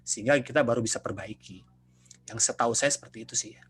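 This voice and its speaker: A man's voice: medium pitch, quick pace, fairly bright tone, a little hiss or hum. A man lecturing students over a video call in a casual, joking, chatty way. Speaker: university lecturer. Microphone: video call computer mic.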